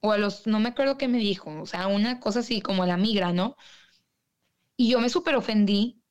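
Quick and medium-pitched, this northern Mexican woman from Monterrey spins slangy stories as a guest, quoting the people in them. The audio sounds dull.

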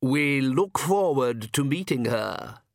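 A man doing a calm, smug vampire count. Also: a little high, measured pace, no room sound, clean studio sound, pitched above the performer's own voice, exaggerated voice. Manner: calm, smooth, mildly mocking.

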